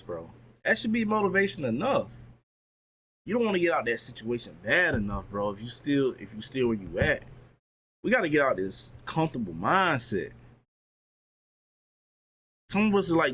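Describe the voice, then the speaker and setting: Lively young man giving a motivational talk. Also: medium pitch, moderate pace, long pauses, breathy edge. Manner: casual, lively, talks to chat with slang. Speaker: streamer.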